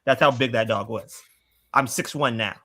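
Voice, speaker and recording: A man in casual chat, telling a story excitably with many fillers. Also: medium pitch, normal speed. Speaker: podcast co-host.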